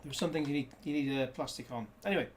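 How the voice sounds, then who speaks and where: A disc reviewer rambles casually through an unboxing, cracking jokes along the way, filmed indoors on a desk camera. His medium-pitched voice races along, with a little hiss or hum in the audio.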